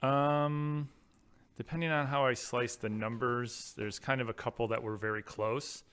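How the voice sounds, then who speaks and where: A man co-hosting a podcast with a dry, matter-of-fact delivery. His voice is smooth and clean, at an everyday mid pitch. He talks things through plainly, with a wry edge. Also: fairly even intonation, measured pace, a bit bright. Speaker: podcast co-host. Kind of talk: casual podcast chat.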